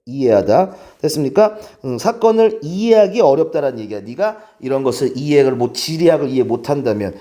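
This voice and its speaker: A man's voice: medium pitch, lively intonation, a little fast, hardly any pauses, mellow. A man teaching English grammar in a lecture, keeps checking in with the class through rhetorical questions.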